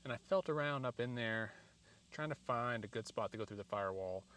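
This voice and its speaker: An American man in his forties, slightly bright and a little fast in a mid-range voice, vlogs a hands-on product installation in a casual, rambling, self-deprecating style. A camera or phone mic, arm's length to a few feet away, captures noisy sound in a driveway and inside a parked car, with ambient noise clearly present.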